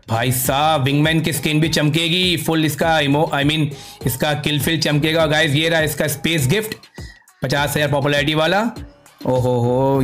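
Higher-pitched excitable man over music. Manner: excitable, repeats slangy exclamations. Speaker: gaming content creator. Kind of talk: casual game skin showcase commentary.

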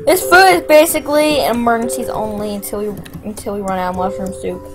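A woman's voice: medium pitch, fairly quick, music in the background, poor audio. A woman playing a survival video game, swearing freely and thinking aloud as she plays. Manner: profane, excitable, thinking aloud. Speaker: gamer. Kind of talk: let's play commentary.

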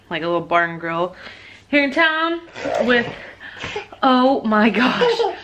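A young woman vlogging casually at home, chatting to her viewers and switching to a high sing-song voice for her baby. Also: background noise. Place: at home, then by car at a park.

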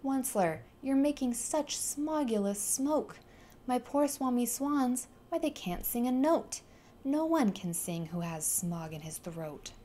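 A woman's voice: medium pitch, normal speed, a little mellow, a little hiss or hum, close to an everyday voice. A woman voicing a small, grumpy old male forest creature who scolds indignantly. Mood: scolding.

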